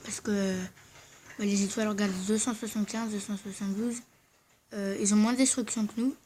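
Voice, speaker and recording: With a warm, mid-range voice in a level tone and a little hiss or hum behind it, this gaming video host offers casual gameplay commentary. Their dental braces leave the speech slightly slurred and odd, and they hesitate, halt, and frequently self-correct.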